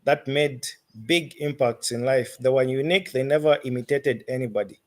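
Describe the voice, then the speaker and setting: Speaking in a darkish, mid-range voice with a Zambian accent, this musician responds to an interviewer, choosing his words slowly and pausing as he goes.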